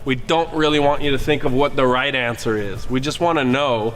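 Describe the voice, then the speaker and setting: A man's voice: mid-range voice, fairly even intonation, fairly quick, fairly bright tone, long reverb tail, a little hiss or hum, low-quality recording. A man hosting a private event, welcoming guests and explaining how the evening works. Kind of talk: addressing a private gathering.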